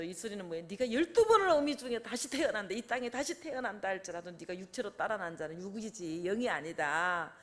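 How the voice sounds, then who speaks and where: Older woman, sermon, chatty questioning delivery, animated quotes, mid-pitched. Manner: conversational, asks the congregation questions; acts out quotes with lively voice changes. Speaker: preacher.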